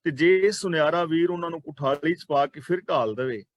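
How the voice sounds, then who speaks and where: A man's voice: on the high side, a little fast, dry recording. A man with a Punjabi accent giving a scripture sermon, explaining patiently through repetition and rhetorical questions. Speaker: Sikh preacher explaining scripture.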